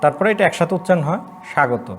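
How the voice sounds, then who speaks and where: A man from Bangladesh gives an online college lesson on pronunciation, sounding each word out slowly and often twice. His voice sits a little high for a man. He poses questions to the class and answers them himself, over a faint hiss in the background. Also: expressive.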